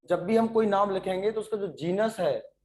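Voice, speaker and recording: High-voiced Indian man teaching biology online. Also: normal speed, darkish tone. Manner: explains in Hindi mixed with English terms, calls on students by name. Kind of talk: online class lecture. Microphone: online class setup.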